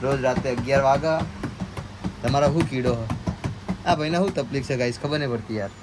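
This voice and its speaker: Male shopkeeper, chatty vlog host, mid-pitch, noisy street behind. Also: a little fast. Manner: chatty, keeps addressing viewers as guys. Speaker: shopkeeper vlogger. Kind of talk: casual vlog commentary. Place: small shop and storeroom.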